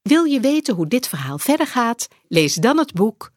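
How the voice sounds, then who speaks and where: A woman reading a children's book aloud as narrator, with slow, expressive storytelling. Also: a little high, dry recording, clean studio sound.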